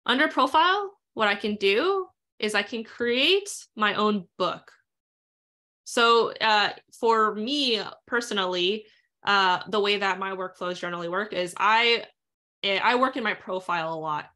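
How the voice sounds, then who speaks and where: Bright, quick-talking woman teaching online. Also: mid-range voice. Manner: fast, chatty, lots of ums and uhs. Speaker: instructor leading a live webinar. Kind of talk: live software tutorial with screen share.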